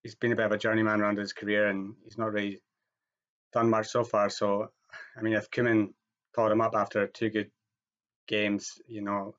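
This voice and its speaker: A man with a fairly low, flat voice talks through football opinions on a podcast. His delivery is steady and measured. The audio sounds slightly dull and lo-fi. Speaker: podcast co-host, football pundit. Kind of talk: casual podcast discussion.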